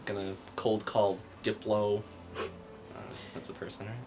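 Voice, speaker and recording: A man's voice: on the low side, completely flat delivery, a little slow, a little mellow, slight background noise. A man in his thirties hosting a live game stream in casual chat, joking, laughing often and muttering to himself while he plays. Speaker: host.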